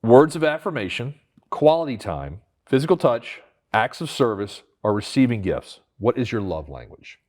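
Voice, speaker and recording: A man hosting a lightning round, teasing his guest as he runs through rapid questions. His pitch swings up and down a lot as he talks. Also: big pitch swings, darkish tone. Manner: playful, teasing, laughs often. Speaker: interview host.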